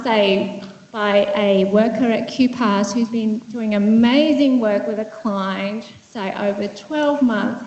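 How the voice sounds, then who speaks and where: A Vietnamese woman psychiatrist presents at a conference in a lecture room, speaking conversationally and thoughtfully with many fillers and restarts. Her mid-range voice is a little mellow. The recording is lo-fi and dull, with an echoey hall sound.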